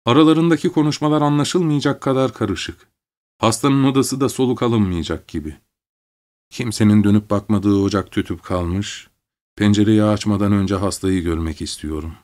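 A man with a fairly low voice reads a literary story aloud in the first person. His telling is measured and steady, in the manner of an audiobook narrator.

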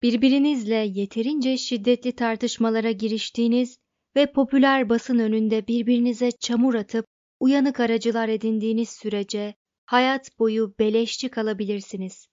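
A vast male supercomputer from a storybook, booming and pompous, voiced by a woman reading aloud in a somewhat high, dry voice. It sounds off in a slightly dull, close recording. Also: steady tone, moderate pace, dry recording, natural voice. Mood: lecturing. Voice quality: loud, booming. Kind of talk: audiobook reading.

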